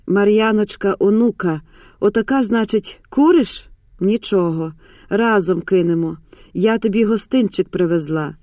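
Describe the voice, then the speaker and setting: A woman's voice: medium pitch, measured pace, dark tone, dry recording, clean studio sound, lightly acted. A woman reading the part of a scrawny, ingratiating old grandmother with a folksy, coaxing way of speaking.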